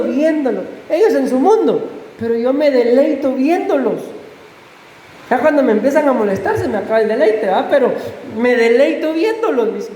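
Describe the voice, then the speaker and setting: A man's voice: very high-pitched, dark tone, a little hiss or hum. Man as pastor, fervent sermon, echoey hall with long reverb and faint ambience. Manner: fervent, addresses congregation with questions. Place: church sanctuary.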